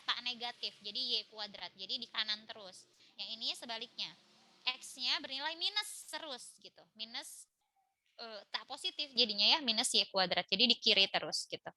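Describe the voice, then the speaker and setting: A woman's voice: on the high side, animated, moderate pace, sharp tone. A woman teaching an online math lecture from home, chatty and explaining step by step with frequent tag questions. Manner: chatty, tags lines with "gitu ya". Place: home in a village by a busy road. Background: motorbike traffic.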